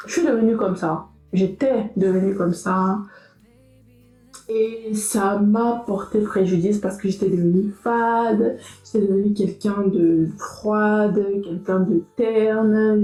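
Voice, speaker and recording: A young adult woman vlogging casually, talking straight to her viewers in a lively, chatty way. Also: medium pitch, reverberant, poor audio. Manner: lively, talks directly to viewers. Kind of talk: casual motivational vlog.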